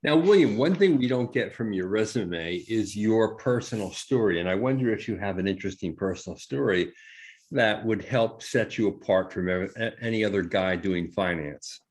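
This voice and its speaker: A man's voice: fairly low pitch, expressive, moderate pace. A man co-hosting an admissions webinar, asking direct, probing questions. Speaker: co-host admissions expert. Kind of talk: webinar interview.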